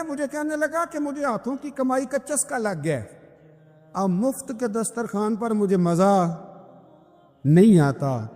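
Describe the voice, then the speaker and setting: A male preacher giving a sermon, telling a story and asking his listeners rhetorical questions to keep them engaged. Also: high voice. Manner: engaging, checks the audience is listening. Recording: reverberant hall with faint music.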